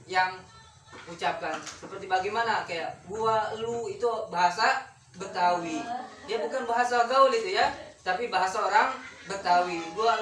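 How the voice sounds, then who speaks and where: A schoolteacher with a medium-pitched, fairly bright voice teaches a lesson, firing questions at her pupils and repeating key words. She's heard from a distance in a roomy classroom.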